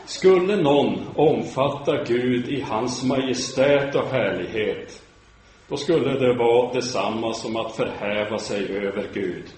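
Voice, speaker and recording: A man giving a sermon lecture in a measured, solemn way, sometimes restarting words. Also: mid-range voice, a little mellow. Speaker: preacher giving a talk. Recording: very echoey room, faint background noise.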